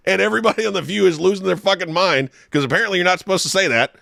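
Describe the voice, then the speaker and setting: A man's voice: high-pitched, fast talker, creaky, no echo. Brief: male podcast co-host, swearing comedic rants, dry close sound. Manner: loud, swearing, laughing rants. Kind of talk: profane comedic banter.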